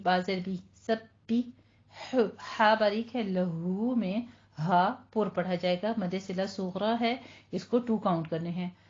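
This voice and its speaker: A woman teaching Quran recitation. She explains each pronunciation rule with patience, then draws the Arabic words out slowly and carefully. Her voice sits at an ordinary middle pitch, and the lo-fi recording sounds a little muffled. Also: a little mellow. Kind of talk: online tajweed lesson.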